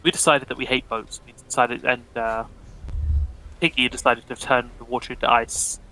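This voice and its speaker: A man recapping a tabletop game session as a player, with deadpan, profane jokes. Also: medium pitch, moderate pace, slight background noise, low-quality recording.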